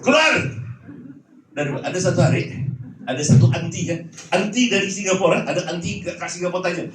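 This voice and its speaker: Animated high-voiced pastor. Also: male voice, fast talker, over music. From Malaysia. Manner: animated, joking, rhetorical questions. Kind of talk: sermon. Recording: roomy hall, distant mic.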